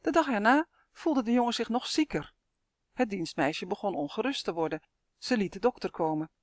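A woman reading her own children's fairy tale aloud, with clear, lively storytelling and voiced characters. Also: mid-range voice, normal speed, dry recording, clean studio sound.

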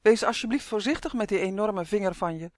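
A tiny male dragonfly elf, as a storybook reader puts him on, buzzes and frets in a thin, squeaky voice. He chatters quickly and fussily. The sound is dry and close. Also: dry recording, close to an everyday voice. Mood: fussy. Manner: high, buzzing, anxious and fussy. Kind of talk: storybook reading.

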